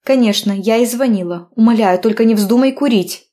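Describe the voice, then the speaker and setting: A woman's voice: a little high, brisk, dark tone, pitched above the performer's own voice, natural voice. A fussy, caring mother, as the narrator puts her on in a read-aloud story. She gives anxious reminders. Her voice is lifted a little above the narrator's. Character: caring middle-aged mother.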